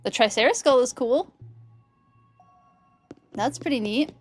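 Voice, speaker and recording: A woman's voice: fairly high pitch, measured pace, faint music behind. A woman hosting a livestream, chatting casually and cheerfully with viewers while she plays a cozy game. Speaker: livestream host.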